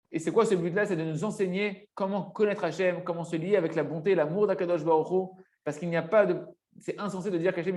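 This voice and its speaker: Man, high-pitched voice, religious teacher, explanatory lesson, emphatic, didactic, repeats key phrases.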